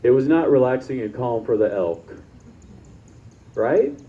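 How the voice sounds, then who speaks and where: The pastor's voice is medium in pitch, dark in tone, expressive and a touch slow. Preaching casually at a church service, he tells personal stories and keeps asking "right?", all captured in a dull, lo-fi recording.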